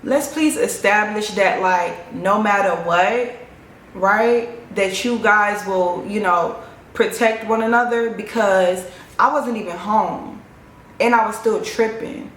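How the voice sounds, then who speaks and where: A young woman telling a personal story in a casual, animated, profane vlog monologue. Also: mid-range voice, slow pace. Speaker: vlogger. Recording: echoey room, faint ambience.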